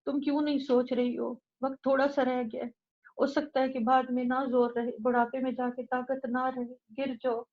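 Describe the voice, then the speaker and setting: A woman's voice: sits high, little pitch movement, normal speed. A woman teaching the Quran, urging her listeners on with repeated, exhorting phrases. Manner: urgent, exhorting, repetitive. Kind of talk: Quran lecture. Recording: dull lo-fi recording.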